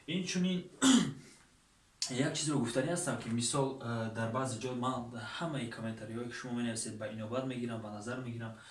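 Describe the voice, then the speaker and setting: A man's voice: mid-range voice, a little hiss or hum. A man with a Tajik accent teaching English online, giving plain, patient explanations with many fillers. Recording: echoey room from far off.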